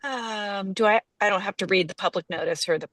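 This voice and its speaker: A woman chairing a formal meeting in a halting, informal, apologetic way while riding in a truck cab. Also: mid-range voice, fairly bright tone, dry recording, clean studio sound. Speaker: commission chair running the meeting.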